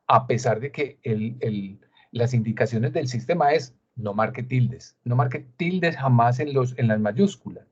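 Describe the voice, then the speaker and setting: An instructor with a Colombian Spanish accent walks through a screen-share tutorial step by step, posing rhetorical questions. His mid-range voice is expressive and a little slow, heard through dull, lo-fi video call audio.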